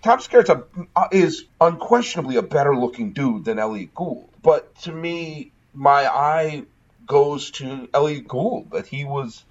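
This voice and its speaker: A man's voice: on the high side, animated, unhurried, muffled recording. A man from New England with a Northeastern US accent, chatting enthusiastically about films on a podcast with many restarts. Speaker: podcast co-host. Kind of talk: casual film discussion.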